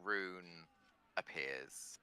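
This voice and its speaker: A man working as game master, narrating a tabletop fantasy game with dramatic pauses. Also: low voice, pushed and bright, clean tone, dry recording.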